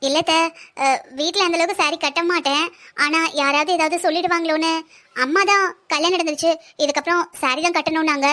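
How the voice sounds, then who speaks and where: A woman voicing a polite, soft-spoken young newlywed bride in a cartoon family story. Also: very high-pitched, fairly even intonation, brisk. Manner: polite, respectful.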